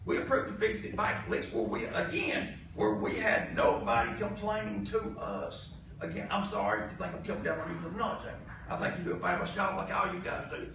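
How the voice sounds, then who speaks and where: Speaking at a public meeting indoors, this Southern-accented county commissioner sounds heated, blunt, folksy and exasperated, hammering his points by repeating them. He talks briskly and expressively in a high, creaky voice with hardly any pauses. The room is noisy and very echoey, captured from a distant mic.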